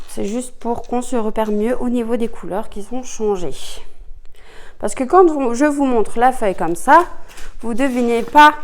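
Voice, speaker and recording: A woman talks her viewers through a cross-stitch kit at an unhurried pace, her voice sitting a little high. She hesitates often, fills gaps and gushes warmly over the colours. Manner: chatty, hesitant with many fillers, gushing over colours. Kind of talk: casual product unboxing chat.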